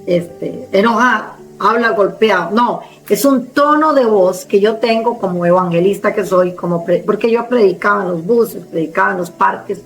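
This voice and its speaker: A woman evangelist preaching a sermon with a strong, forceful speaking tone, emphatic and direct, speaking with authority. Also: mid-range voice, moderate pace, few pauses, faint music behind, low-quality recording.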